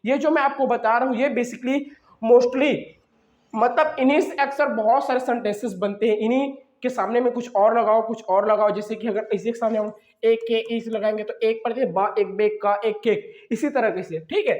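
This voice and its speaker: A young man, unwell, teaching English reading from slides, who drills syllable blends slowly and talks fast between sets. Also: very high voice, a little mellow, reverberant. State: unwell, coughing. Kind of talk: slide-based phonics lesson.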